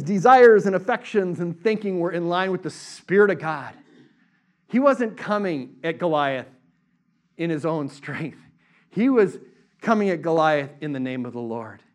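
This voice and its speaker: High-voiced animated male preacher. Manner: conversational asides with fillers. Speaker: pastor. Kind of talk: sermon.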